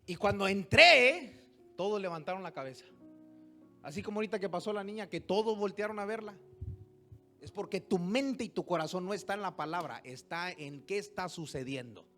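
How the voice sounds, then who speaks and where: A man preaching a sermon as pastor, moving from hushed storytelling to loud exhortation and throwing rhetorical questions at the congregation. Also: high voice, animated, moderate pace, faint music behind. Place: church service.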